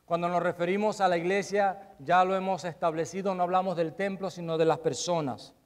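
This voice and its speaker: A male pastor preaching a sermon, swinging between loud emphasis and quiet asides and asking the congregation rhetorical questions. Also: high voice, steady tone, fairly quick.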